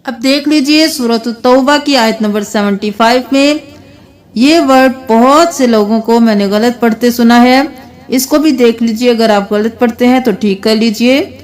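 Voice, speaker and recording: A woman with a high voice leads a Quran reading lesson. She explains each rule patiently and breaks words down slowly, sounding out one letter and vowel mark at a time. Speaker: Quran recitation teacher.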